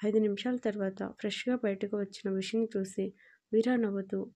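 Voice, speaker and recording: Woman storyteller for a romance audio story; mellow tone, level reading. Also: medium pitch, normal speed. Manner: steady, even reading. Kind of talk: scripted audio-story narration.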